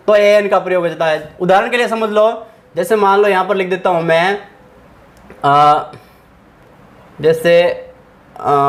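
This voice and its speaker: High-voiced man teaching a grammar lesson. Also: fairly bright tone. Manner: patient, asks questions and answers them himself. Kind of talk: explaining English grammar to students.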